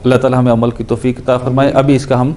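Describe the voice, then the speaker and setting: In a grammar lesson, a male Quran and Arabic grammar teacher speaks at a middle pitch with little variation and a somewhat dark tone. He breaks the material into steps, says each verb form again as he drills, and sprinkles English words throughout.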